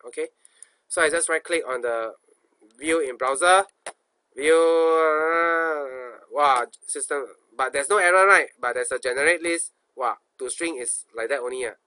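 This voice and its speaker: Man, Singaporean accent, bright forceful voice, mid pitch, informal programming instructor, colloquial, self-questioning. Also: normal speed. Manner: colloquial, asks himself questions, repeats phrases. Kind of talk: informal screencast coding tutorial, thinking aloud.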